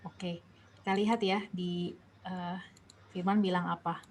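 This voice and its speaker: A woman's voice: lowish voice, level tone, unhurried, slight background noise. Young Indonesian woman leading a Bible study. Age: young adult. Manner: questioning, reads verses aloud, many restarts. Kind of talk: online Bible study discussion.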